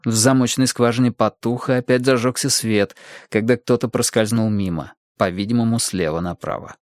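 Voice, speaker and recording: A man reading a novel aloud in a measured, even narration. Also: mid-range voice, no room sound, clean studio sound. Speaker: audiobook narrator. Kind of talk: scripted narration.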